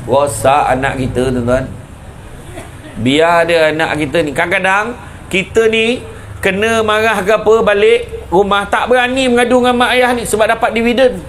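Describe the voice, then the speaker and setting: A man's voice: high-pitched, steady tone, moderate pace, fairly bright tone, slight background noise. A man with a Malaysian Malay accent giving a casual religious talk to a live audience, joking and asking rhetorical questions. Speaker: religious lecturer. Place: community lecture event.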